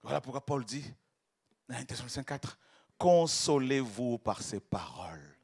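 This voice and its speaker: A man preaching an ecstatic sermon, swinging from hushed murmurs to shouted cries, repeating and stumbling over words in his fervor. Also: medium pitch, big pitch swings, moderate pace, gravelly, husky.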